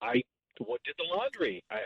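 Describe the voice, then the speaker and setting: A hesitant man stammers and laughs nervously on a phone call. His voice is gravelly and husky and swings up and down a lot. The line sounds dull and lo-fi. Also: on the high side, wildly swooping pitch, normal speed, no echo. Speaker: caller on a radio prank segment. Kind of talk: phone conversation.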